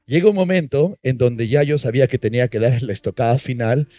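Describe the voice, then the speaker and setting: A man's voice: medium pitch, a little fast, warm tone, dry recording, dull audio. A man teaching a workshop, telling a story about a client and acting out both sides of the dialogue. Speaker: NLP trainer.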